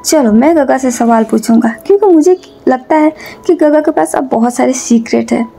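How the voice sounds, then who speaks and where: A woman voicing a sweet, innocent young man in a fanfiction reading, talking softly and teasingly. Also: high voice, moderate pace, creaky, faint music behind. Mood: gentle.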